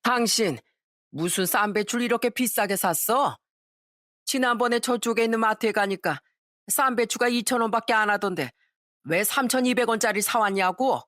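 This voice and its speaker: A woman acting out an old father-in-law in a storybook tale, scolding his wife over money in a pitched-up, raised voice. He nags and barks without letting up. The sound is dry and close. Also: moderate pace, no room sound, close to an everyday voice. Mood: angry scolding. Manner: scolding, berating, shouting. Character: angry stingy father-in-law in his sixties.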